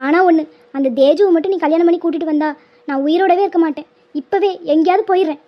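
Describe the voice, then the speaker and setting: Pleading and guilt-tripping with melodrama, the stubborn, emotional, middle-aged cartoon mother is voiced by a woman with a very high, fast voice. The audio sounds muffled and lo-fi.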